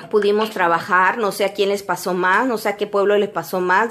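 A woman from Mexico, chatting casually to her viewers and rambling, repeating words and using fillers. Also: medium pitch. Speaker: vlogger.

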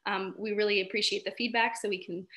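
Bright, chatty woman webinar host. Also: mid-range voice, fairly even intonation, fast talker. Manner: upbeat, chatty, filler ums. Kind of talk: hosting an online training. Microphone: video call.

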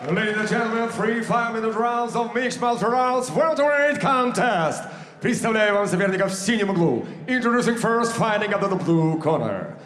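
A man working as an arena announcer, introducing fighters with booming, drawn-out calls in an echoing venue. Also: expressive, fairly bright tone. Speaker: ring announcer. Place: large sports arena. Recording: echoey arena PA sound.

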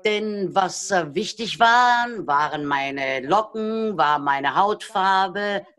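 A woman working as a simultaneous interpreter, relaying a panelist's words in halting bursts with many fillers and restarts. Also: mid-range voice, lively intonation, fairly bright tone. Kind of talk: live interpretation into German.

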